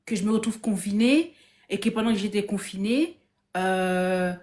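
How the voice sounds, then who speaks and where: A woman talking casually into her phone on a live stream. She tells her story with animated energy, often stumbling and restarting mid-sentence. Her pitch sits in the middle of the usual range and sounds natural. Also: normal speed. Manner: lively anecdotal telling, acts out others' lines, frequent restarts. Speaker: guest on a live discussion.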